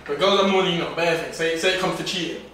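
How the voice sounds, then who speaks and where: A young man banters in a London roadman accent with plenty of slang. He talks quickly in a high voice. The mic is far off, with clear noise behind him. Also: bright, forceful tone. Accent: London, urban street style. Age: young adult. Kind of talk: casual banter among friends, heavy slang. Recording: echoey room, distant mic, clear noise.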